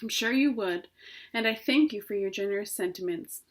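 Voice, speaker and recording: A woman voicing a wise female spider who speaks in a calm, measured and quietly firm way. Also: mid-range voice, lightly acted.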